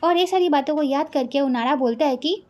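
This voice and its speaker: A woman with a Hindi accent recapping a television drama in a lively, casual storytelling way. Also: sits high, fairly quick. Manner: lively, acts out the characters' quoted lines.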